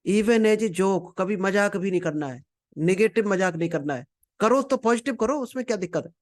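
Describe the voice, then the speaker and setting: A man giving a conversational motivational lecture from slides, calling listeners "friend" and mixing in English phrases. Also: high voice. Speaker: motivational sales trainer.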